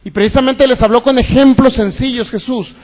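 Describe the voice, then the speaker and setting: A man's voice: very high-pitched, fairly even intonation, brisk, darkish tone. A man preaching a sermon as pastor, reading scripture and asking the congregation rhetorical questions. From Mexico. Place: church hall. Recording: long hall reverb.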